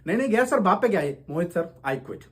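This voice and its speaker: A man acting out comic sketches, bickering loudly and sounding exasperated. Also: high voice, very animated, a little fast, husky. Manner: switches between bickering characters, loud and exasperated. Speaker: comedy sketch creator playing all parts. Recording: echoey room.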